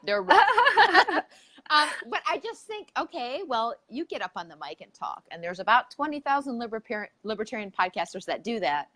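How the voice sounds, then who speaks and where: A woman's voice: on the high side, big pitch swings, moderate pace, pushed and bright. A woman hosting a casual interview, informal and jokey, with plenty of filler words. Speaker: podcast host.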